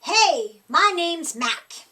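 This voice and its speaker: A woman plays a big, scruffy storybook boy monster in a high voice, positioned a little away from the mic. He slurps, stammers and drags out his words, straining to be scary but ending up whiny and bumbling, a kind of bumbling menace. The delivery is expressive, extremely slow, sharp in tone and heavily acted.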